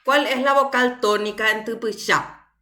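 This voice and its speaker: A woman leads an online university class through her computer mic. She speaks slowly and deliberately, with a bright, forward tone. She keeps checking that her students follow, step by step. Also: on the high side, a little hiss or hum. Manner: patient, explains step by step with checking questions. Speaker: university language teacher.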